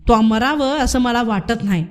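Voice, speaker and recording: A woman's voice: a little high, normal speed, natural voice. A woman voicing a bold, defiant rebel leader man who gives orders in rustic village speech.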